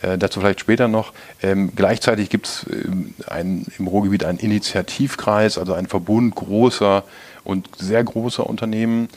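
Deep gravelly guy in his 50s, from east westphalia, lots of ums, thinks out loud. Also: steady tone. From East Westphalia, Germany. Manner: hesitant, many filler sounds, measured. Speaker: interview guest, business executive. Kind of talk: casual interview talk.

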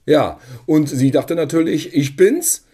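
Male podcast co-host from Germany, husky, lively pitch, stumbling, self-deprecating delivery. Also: a little slow. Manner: rambling anecdotes with hesitant fillers and self-mocking humor. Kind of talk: casual chat.

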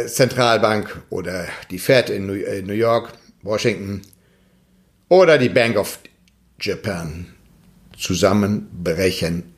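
A man who reads a children's tale slowly and then comments in a deliberate tone, with hesitant fillers. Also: fairly low pitch. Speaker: storyteller and foundation spokesman.

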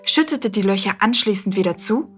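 Eine Frau erzählt sanft eine Kindergeschichte und spricht die Zuhörer direkt an. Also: female voice, mid-range voice, lively intonation, brisk. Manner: gentle, addresses the listener. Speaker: storyteller. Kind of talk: children's story narration. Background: faint guitar music.

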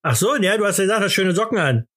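A tipsy German man co-hosting a podcast, joking and teasing with loud bursts of laughter. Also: sits high, animated, quick pace. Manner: boisterous, laughs loudly, teasing. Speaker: podcast co-host. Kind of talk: casual comedic banter.

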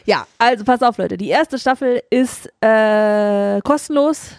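Higher-voiced woman in casual, teasing banter. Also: unhurried, a little mellow, dry recording, clean studio sound. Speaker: podcast co-host.

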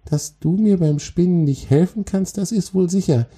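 Man voicing Sila, a tiny shrill cross spider. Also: normal speed, mellow, husky. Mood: calmer, curious. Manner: scolding, grumbling, impatient. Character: tiny cross female forest spider, impatient.

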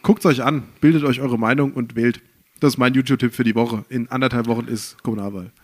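A man's voice: medium pitch, steady tone, quick pace. A man hosting a casual podcast, teasing and upbeat. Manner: teasing, upbeat, wraps up the show. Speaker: podcast host.

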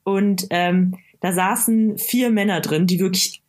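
A woman recounting a personal experience in a casual conversation, pausing often with fillers and starting sentences over. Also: medium pitch, darkish tone. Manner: halting, many fillers and restarts. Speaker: interview guest.

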